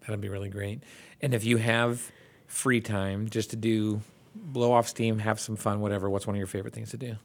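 A man's voice: on the low side, steady tone, normal speed. A man hosting a faith podcast, interviewing a guest in an encouraging, affirming way. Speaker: podcast host.

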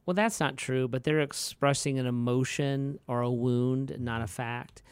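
A middle-aged man co-hosting a podcast, chatting casually and telling animated stories with frequent restarts. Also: medium pitch, unhurried, clear, resonant tone, no echo. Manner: animated storyteller who acts out quoted voices; frequent restarts and filler words. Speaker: podcast co-host.

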